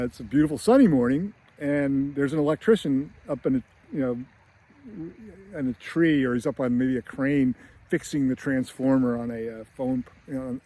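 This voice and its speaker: A man's voice: medium pitch, a little mellow. A man teaching screenwriting, chatting casually and chuckling as he retells scenes. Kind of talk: casual film breakdown.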